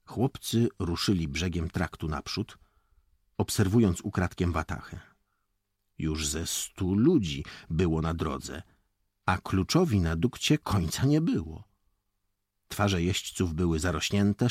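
A man reading an audiobook aloud, deliberate and measured, reading out footnotes between passages. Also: deep voice, expressive, a little mellow, breathy edge, no echo, studio quality. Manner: slow, deliberate reading that acts out the dialogue. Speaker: narrator.

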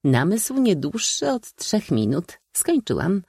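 A shrill, theatrical old maid aunt, as a male reader puts her on teases and proclaims from her perch with a lively, swooping delivery. Her voice leaps high and rings dry and close in this storybook reading. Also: takes it slowly, creaky, breathy edge, dry recording, exaggerated voice. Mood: teasing. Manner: shrill, teasing and declamatory. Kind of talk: audiobook reading.

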